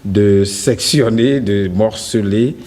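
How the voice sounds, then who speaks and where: A man on a morning TV show, explaining French pronunciation slowly and carefully, repeating his example phrases. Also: lowish voice, darkish tone. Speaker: French language expert guest.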